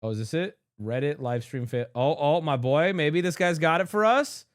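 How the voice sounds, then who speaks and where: A man livestreaming, reacting to clips in casual chat and often bursting into excited shouting. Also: a little high, normal speed, no room sound, clean studio sound.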